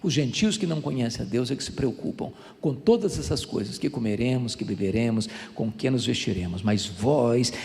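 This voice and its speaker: A Brazilian man in his sixties, a pastor preaching a sermon with animated storytelling and a fervent build. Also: medium pitch, normal speed, creaky, hardly any pauses, in a large hall. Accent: Brazilian Portuguese.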